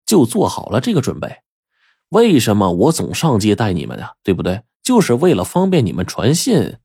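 A man's voice: medium pitch, a little mellow, husky, dry recording, clean studio sound, voice pushed up, heavily acted. A man voicing a shrewd, jovial young prince who confides his schemes with chuckles. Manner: laughing, confiding, playful.

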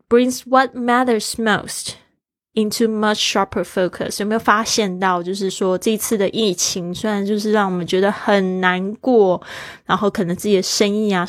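A woman teaching English phrases from a book in a casual, chatty way, reading English lines slowly. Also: medium pitch, dry recording, studio quality. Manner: chatty, explains English words slowly, then reads lines aloud in a slower voice. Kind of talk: casual bilingual book lesson.

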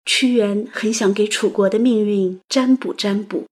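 A woman host narrating a literary story in a delicate, gentle, romantic manner. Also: medium pitch, fairly even intonation, unhurried. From China. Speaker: audio program host and narrator.

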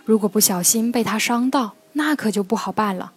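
A woman's voice: mid-range voice, a little fast, slightly rough, soft background music, close to an everyday voice. A woman voicing a kind, patient mother goat in a children's storybook reading, speaking in a soothing, coaxing way. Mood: concerned.

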